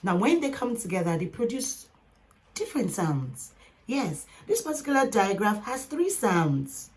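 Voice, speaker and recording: A woman's voice: medium pitch, very animated, measured pace, slight background noise. A woman teaching a phonics lesson, patiently sounding out words letter by letter and talking straight to her learners.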